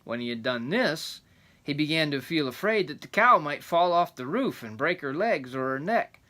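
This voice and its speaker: A man's voice: fairly high pitch, expressive, normal speed, sharp tone. An older man reading a folk tale aloud like a rambling grandpa, adding folksy asides and plain explanations. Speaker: storyteller.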